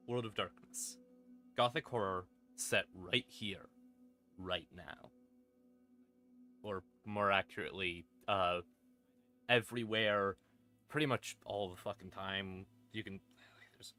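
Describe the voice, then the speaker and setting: This storyteller's livestream blends loose rambling with moody horror narration told in the second person, all with a casual, self-mocking air. His fairly low voice is sharp in tone, slow, and broken by long pauses, while creepy ambient music plays behind it.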